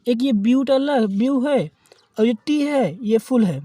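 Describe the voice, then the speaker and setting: A man teaches grammar with a dark, mellow voice. He drawls out key terms word by word, then explains them plainly, often checking in with "okay". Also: very high-pitched, expressive, a little slow, dry recording. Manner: frequent checking "ठीक है". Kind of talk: grammar lesson explaining definitions.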